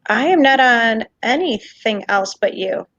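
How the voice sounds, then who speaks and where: A woman joins as a guest over a remote call, talking with excitement. Her voice sits fairly high and the call audio sounds dull and lo-fi. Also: a little slow. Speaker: guest, mother. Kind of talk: casual interview.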